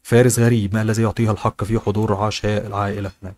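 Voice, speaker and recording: A man reading the lines of an angry, proud young rich woman in a novel audiobook, in a sharp, indignant manner. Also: fairly low pitch, level tone, rapid-fire, no echo, lightly acted.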